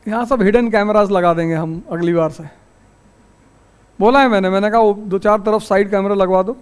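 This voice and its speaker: A male teacher, lecturing a class in a lively storytelling manner and turning stern about the class rules. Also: sits high, moderate pace, smooth.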